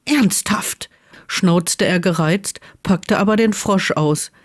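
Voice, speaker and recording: A woman who reads fan fiction aloud in a calm, measured storytelling manner. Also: on the low side.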